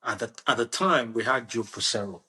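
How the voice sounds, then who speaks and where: A man hosting a casual football discussion, animated and restarting his sentences often. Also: medium pitch, fairly quick. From Nigeria. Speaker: podcast host.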